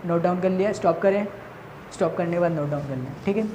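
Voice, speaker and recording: A woman teacher with a Pakistani Urdu accent talks through a recorded lesson for children in a fairly low voice. She repeats key points and answers her own questions. A faint noise runs under the recording. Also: muffled recording.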